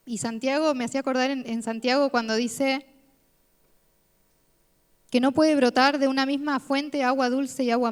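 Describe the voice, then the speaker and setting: A woman with a Rioplatense Spanish accent preaching a sermon, sharing a personal testimony earnestly and often asking "¿no?". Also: fairly high pitch. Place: church hall. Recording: long hall reverb.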